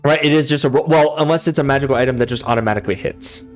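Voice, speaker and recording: A man's voice: mid-range voice, rapid-fire, faint music behind. A man running a tabletop game as game master, talking casually with many fillers and restarts.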